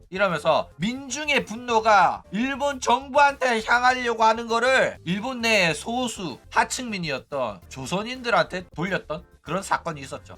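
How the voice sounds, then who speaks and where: Bright, lively-voiced male streamer. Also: high-pitched. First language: Korean. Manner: animated and chatty, with mocking asides and laughs. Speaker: streamer and commentary host. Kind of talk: casual livestream commentary.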